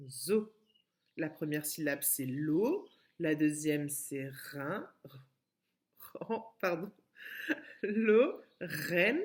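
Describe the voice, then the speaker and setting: A deep-voiced woman with a French accent, a kindergarten teacher, gives young children a phonics lesson remotely. She splits syllables carefully and clearly and explains things patiently.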